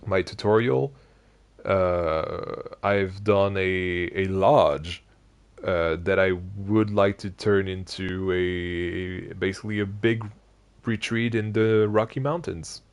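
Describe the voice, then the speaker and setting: Late in a long session of a building game, a man live-streams with a low, smooth voice, speaking slowly with fairly even intonation. He sounds sleepy and yawns, rambling loosely with viewers, full of fillers and restarted sentences.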